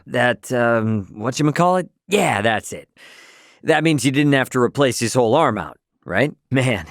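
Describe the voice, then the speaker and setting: In a video game, a man plays a brash yet friendly young space adventurer, speaking in a casual, expressive, slangy way that sounds curious and concerned. His mid-range voice is close to an everyday one, captured dry with clean studio sound.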